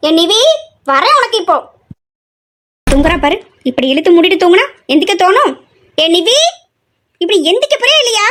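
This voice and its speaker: A woman's voice: extremely high pitch, expressive, moderate pace, long pauses, a bit bright. A woman playing a nagging middle-aged mother in a family comedy skit, scolding and complaining nonstop.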